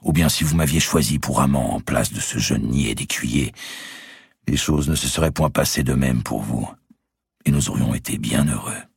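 A man's voice: no room sound, clean studio sound, exaggerated voice. A man voicing a coaxing scheming nobleman. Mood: persuasive. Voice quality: very deep, gravelly. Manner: coaxing, slow and insinuating. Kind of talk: audiobook character voice.

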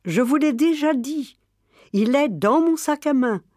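A woman voicing a calm, patient grandmother who speaks gently and at a measured pace. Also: high voice, no room sound, studio quality. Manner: gentle, measured, sometimes hushed.

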